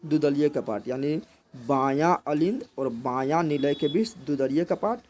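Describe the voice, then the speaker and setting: A fairly high-pitched young man runs an exam prep lesson. He keeps asking the class a question and answering it himself, circling back over each point. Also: a little mellow. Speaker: teacher.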